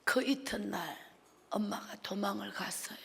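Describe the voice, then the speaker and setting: A woman's voice: medium pitch, moderate pace, vocal fry, a bit bright, slightly rough, in a large hall. A woman evangelist, telling a personal testimony in a sermon with rising emotion, in a church sanctuary. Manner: emotional storytelling, swelling to cries. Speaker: evangelist preacher.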